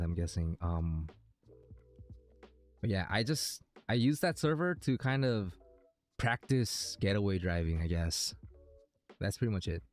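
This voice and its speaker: A man streaming a game, chatting casually with viewers in a hesitant, rambling way, thinking aloud. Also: sits low.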